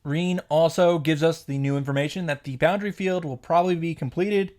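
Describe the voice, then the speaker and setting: Over background music, a man recaps a visual novel's story in a casual, opinionated style full of emphatic, sarcastic asides. He speaks fairly quickly in a fairly high voice with a darkish tone.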